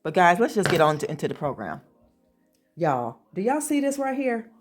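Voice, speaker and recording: A woman vlogging from her home office, chatty and excited, calling her viewers "y'all". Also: fairly low pitch, moderate pace. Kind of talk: casual chat.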